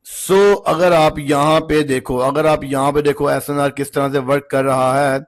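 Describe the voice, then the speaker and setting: A man with a somewhat higher voice than most, sounding a little hoarse after a long day of talking. He explains charts in a loose, conversational way and keeps checking in with the listener. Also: level tone, a little slow. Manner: chatty, repeats checks like "okay ji" and "look". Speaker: trading instructor. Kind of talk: casual screen-walkthrough lesson.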